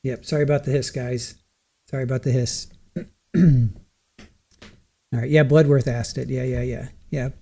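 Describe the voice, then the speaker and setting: A man giving casual live commentary, rambling and correcting himself as he goes, with a low hiss under his voice. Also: steady tone, normal speed, pauses often, warm tone. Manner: rambling, self-correcting, exclaiming. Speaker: livestream trial commentator.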